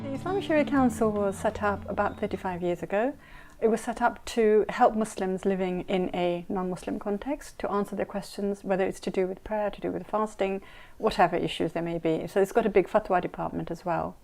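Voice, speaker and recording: Middle-aged woman answering interview questions, earnest, keeps hammering her point, mid pitch. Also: a little fast, creaky, a little mellow, soft background music. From Saudi Arabia, raised in Kenya and London. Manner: earnest, emphatic, repeats points for stress. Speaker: Islamic scholar and mediator.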